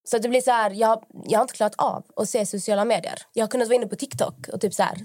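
A woman's voice: on the high side, steady tone, a little mellow, dry recording. Dry-voiced young woman rambling casually. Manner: rambling storytelling with many fillers and acted-out quotes. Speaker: podcast co-host. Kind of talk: casual chat.

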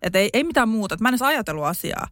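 A woman's voice: on the high side, big pitch swings, a bit bright, no echo, studio quality. A young woman co-hosting a podcast, chatting casually and retelling a story with lots of fillers. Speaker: podcast co-host. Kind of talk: casual chat.

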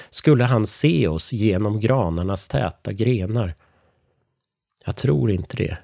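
A man with a very deep, low voice tells a first-person horror story, keeping his delivery hushed and measured with tension underneath. The recording is close and completely dry, with no room sound at all. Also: creaky, dry recording. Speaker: narrator.

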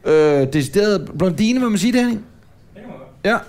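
A man's voice: high-pitched, lively intonation, a little mellow. Rambling Danish-raised man telling a story. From Denmark. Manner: rambling storyteller, many restarts. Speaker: podcast co-host. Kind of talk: casual comedic chat.

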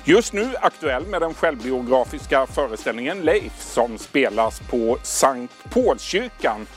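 A man hosting an interview, reading a calm introduction and asking short questions. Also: medium pitch, faint music behind. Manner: calm, scripted introduction then brief prompts. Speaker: podcast host.

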